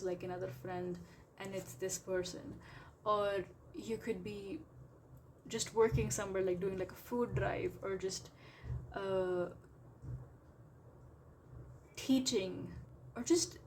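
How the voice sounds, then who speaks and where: A woman's voice: medium pitch, a little mellow, a little hiss or hum. A woman giving a casual tarot reading, talking in a rambling, chatty way packed with filler words. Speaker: tarot reader.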